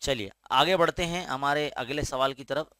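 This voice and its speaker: A man's voice: mid-range voice, normal speed, bright, forceful tone, clean tone, dry recording, studio quality. A man teaching a school maths lesson step by step with an Indian Urdu-medium accent, patiently checking in with his students as he goes. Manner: explains patiently, often asks "है ना?".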